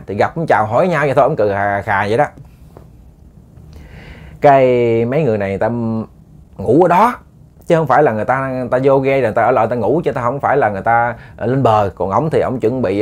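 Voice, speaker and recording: A man's voice: medium pitch, darkish tone. A man with a Southern Vietnamese accent telling a ghost story to listeners, casual and chatty with many repeated words.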